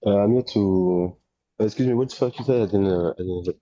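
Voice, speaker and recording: A man's voice: on the low side, fast, warm tone. A man from France joins a livestream as a call-in guest over crackly call audio that keeps cutting out, speaking hesitantly and asking for things to be repeated. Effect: crackly call audio that cuts out. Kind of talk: casual call-in talk. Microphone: headphones over an online call. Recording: dull, distant call-in line.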